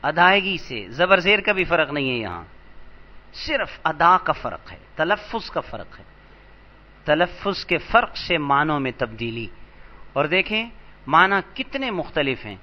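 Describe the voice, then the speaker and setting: A man teaching an Arabic grammar lesson, patient and slow, repeating each word for emphasis. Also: on the high side, lo-fi sound. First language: Urdu. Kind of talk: lecture explaining vocabulary.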